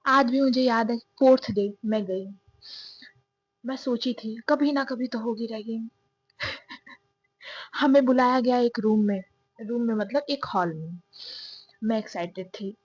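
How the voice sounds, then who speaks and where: A woman's voice: a little high, fairly even intonation, slow pace, pauses often, breathy edge. A young woman narrating a story in a chatty, self-mocking, confiding way, as if talking to her viewers. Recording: dull, dry sound.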